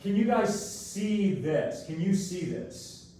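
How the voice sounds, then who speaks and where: A man's voice: high voice, sing-song, slow, dark tone. A man teaching a live online math class. He repeats each instruction and sounds like he is in an echoing tunnel because he is far from the camera mic. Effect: echoing tunnel-like sound from a distant camera mic. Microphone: built-in camera microphone across the room. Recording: very echoey room, far from mic, faint noise.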